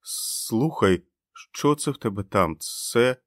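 A man voicing a terrified male henchman who speaks hoarsely and trembles as he coaxes. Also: mid-range voice, lively intonation, slow, no room sound, studio quality, voice pushed up. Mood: frightened coaxing.

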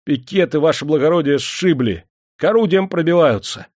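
A man voicing a frightened young male sergeant who shouts his warnings with trembling urgency. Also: a little high, normal speed, dry recording, clean studio sound, pitched above the performer's own voice, lightly acted. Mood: alarmed.

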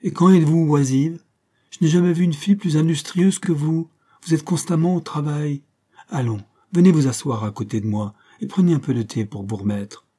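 A man's voice: on the low side, lively intonation, fairly quick, hardly any pauses, warm tone, breathy edge. A man voicing an outspoken young woman in an audiobook, speaking emphatically and with indignation. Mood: indignant.

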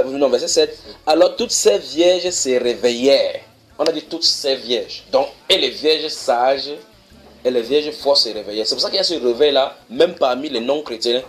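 A man preaching in a church, reading scripture verses slowly and then explaining them, often asking his listeners whether they follow. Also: mid-range voice, a little hiss or hum. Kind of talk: sermon teaching.

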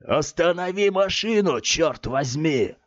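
A tense, pleading shrunken man, as a male reader voices him in an audiobook, half angry and half scared. His voice sits a little high and lively. The recording is dry and slightly muffled. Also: takes it slowly, dry recording. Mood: urgent.

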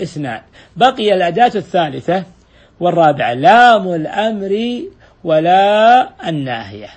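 A man's voice: on the high side, creaky, slightly rough. A man teaching a grammar lesson, explaining step by step, repeating examples and putting questions to his students.

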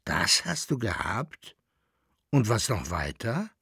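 A man voicing a jovial, knowing man at an inn in an audiobook, with a slow, drawling, amused delivery. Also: medium pitch, lively intonation, darkish tone, husky, dry recording, studio quality.

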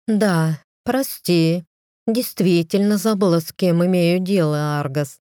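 A defiant young wife with a sharp tongue, voiced by a woman reader in an audiobook. Her voice sits noticeably higher than the narration and drips with sarcasm. The sound is dry and close. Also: measured pace, no room sound, natural voice. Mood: teasing. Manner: sarcastic, teasing.

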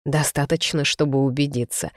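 A reader voicing a shrewd, stern old man with a cane, measured and coolly authoritative. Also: mid-range voice, steady tone, dry recording, clean studio sound, close to an everyday voice.

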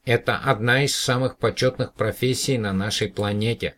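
A man voicing a small green alien who explains things calmly and earnestly in an audiobook. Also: medium pitch, normal speed, pitched above the performer's own voice, close to an everyday voice.

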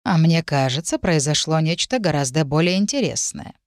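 A woman voicing an elderly female herbalist, shrewd and knowing, with a low, slightly husky voice and a calm, slow, probing manner. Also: dry recording, studio quality.

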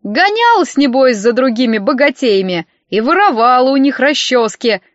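A woman's voice: fairly high pitch, expressive, dry recording. A woman voicing a sly, pushy wealthy old man who drags out his words and turns snappish, on a dull, dry recording. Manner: drawn-out wheedling, turning snappish.

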